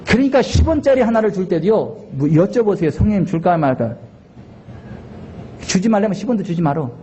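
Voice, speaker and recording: A male pastor delivering a Sunday sermon, emphatic, swinging between shouted exhortation and quiet conversational asides. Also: high-pitched, expressive, quick pace, muffled recording, slight background noise. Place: church sanctuary.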